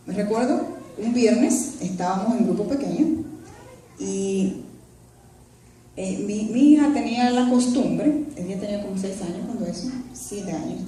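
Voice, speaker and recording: A woman giving an earnest personal testimony in a church, telling her story haltingly with restarts. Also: medium pitch, warm tone, a little hiss or hum. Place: church hall. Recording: very echoey hall, voice from far off.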